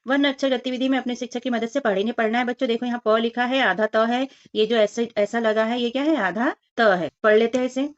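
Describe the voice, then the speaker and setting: A woman teacher walking young children through a workbook lesson, reading words slowly and clearly and speaking to them directly. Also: a little high, steady tone. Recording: dull lo-fi audio.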